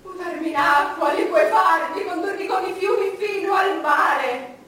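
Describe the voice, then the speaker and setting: High-voiced, slow-spoken proud tragic queen. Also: fairly bright tone, some chatter behind. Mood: impassioned, frenzied longing. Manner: declamatory, slow, deliberate phrasing with dramatic pauses. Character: proud, bitter, lonely English queen, starved of love. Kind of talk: theatrical stage monologue in Italian drama. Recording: very echoey, distant stage recording with noise.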